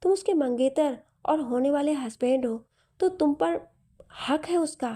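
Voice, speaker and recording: A woman's voice: sits high, unhurried, mellow, pitched above the performer's own voice. A woman voicing a playful, teasing young woman in a story. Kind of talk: storybook narration.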